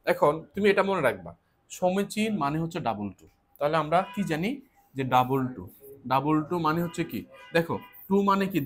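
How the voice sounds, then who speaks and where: Man teaching spelling, asking and answering. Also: a little high. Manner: asks questions and answers them himself; repeats key words slowly. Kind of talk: spelling lesson for exam students.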